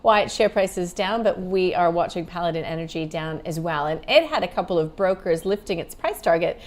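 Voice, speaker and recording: A woman co-hosting a live market wrap, chatty and conversational with quick asides. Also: on the low side, expressive, a little mellow. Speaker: co-host of a markets show.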